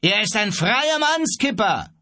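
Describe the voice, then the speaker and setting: A man's voice: sits high, big pitch swings, a little slow, sharp tone, pitched above the performer's own voice, exaggerated voice. A man voicing a self-assured, cocky schooner skipper in an audiobook.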